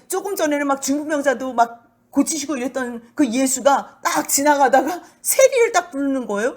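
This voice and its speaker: Woman, pastor, sermon in church, animated storytelling, slightly high pitch. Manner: animated storytelling, acting out voices of mockers.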